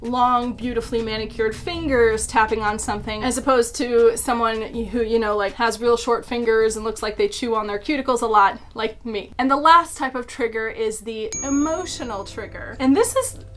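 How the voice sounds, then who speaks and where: A young woman talks through a topic in a relaxed explainer style, her voice pitched slightly high. She is chatty and self-deprecating and leans on "like" as she goes. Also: normal speed, a little hiss or hum. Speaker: YouTube creator. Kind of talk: casual explainer talk.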